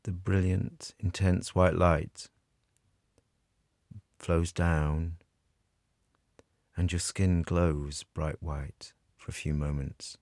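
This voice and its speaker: A man guiding a scripted meditation in a soothing, measured way with long pauses. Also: low voice, level tone, darkish tone, no echo, clean studio sound. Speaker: meditation guide. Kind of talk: guided meditation narration, scripted.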